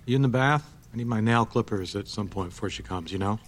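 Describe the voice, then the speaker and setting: A man's voice: on the low side, quick pace, close to an everyday voice. A man playing a laconic, slightly impatient husband in an audio drama, with wry, clipped replies.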